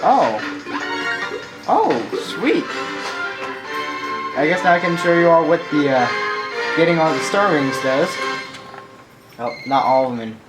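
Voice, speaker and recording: A young man giving casual, excitable, rambling commentary on a game he is playing. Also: a little high, measured pace, pauses often, poor audio. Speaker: gameplay commentator. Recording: loud game music behind.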